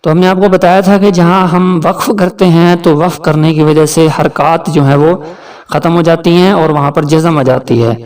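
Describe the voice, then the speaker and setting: Man, Pakistani Urdu accent, tajweed teacher, higher voice, mic at a distance, explains then recites slowly. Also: fairly even intonation, darkish tone. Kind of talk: tajweed lesson with slow recitation.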